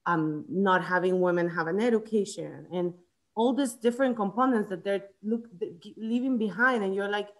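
A woman's voice: medium pitch, moderate pace, low-quality recording. A woman in her thirties from Chile, leading a book club discussion over a video call from home, thinking aloud with frequent restarts. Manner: thoughtful, restarts often, gestures while talking. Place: home room, indoors. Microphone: video call webcam.

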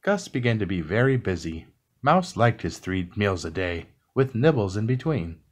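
Low-voiced man reading a bedtime story. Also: sing-song. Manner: soft, unhurried storytelling. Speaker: storybook reader. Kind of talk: calm bedtime story narration.

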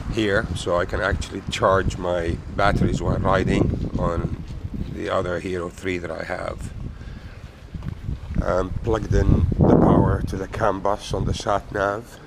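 A man with a croaky morning voice, talking casually to camera about his motorcycle trip. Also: low-pitched. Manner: relaxed, enthusiastic about his bike. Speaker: motorcycle vlogger. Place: outdoors by a road with traffic. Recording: noisy outdoor street recording. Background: traffic and street noise.

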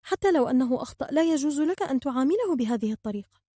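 A woman's voice: sits high, animated, racing, warm tone, dry recording, clean studio sound, pitched above the performer's own voice. A woman voicing a kind-hearted, outspoken young girl who is firm yet tender. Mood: reproachful.

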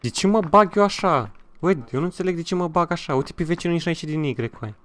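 A man from Romania streaming a game live, excitable and swearing freely as he thanks donors between fights. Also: on the high side. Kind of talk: live gameplay stream commentary.

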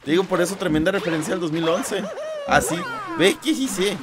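A young man with a Mexican Spanish accent streaming a game, loud and excitable as he jokes with his chat. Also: high-pitched, fairly quick, crowd noise. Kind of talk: casual gaming stream chat. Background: game music.

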